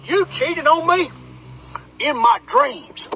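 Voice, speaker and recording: A man's voice: very high-pitched, slow, pushed and bright, full character voice. A man quoting a sulky accusing wife. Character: irritated wife, adult woman, sulky and accusing.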